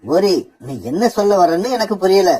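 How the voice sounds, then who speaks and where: A voice actor playing a gentle, worried father bird in a cartoon, speaking softly to his wife and children. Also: medium pitch, moderate pace, breathy edge, lightly acted.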